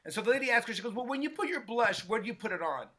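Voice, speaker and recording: A man, a hairstylist guest, telling a story in an animated way and acting out what others said. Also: very high voice, very fast. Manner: acts out quotes with lively voices, many restarts.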